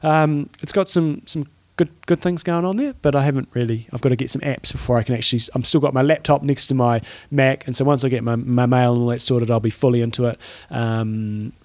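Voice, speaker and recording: A man's voice: medium pitch, fairly even intonation, a little fast, few pauses, no echo. A man with a New Zealand accent chatting casually as a podcast co-host, with dry, grumbling humour. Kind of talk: casual chat.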